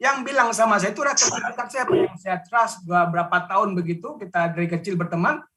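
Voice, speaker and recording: A man from Aceh, a guest on a talk show, telling a story in an animated way and acting out the lines he quotes. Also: sits high, brisk, noisy background.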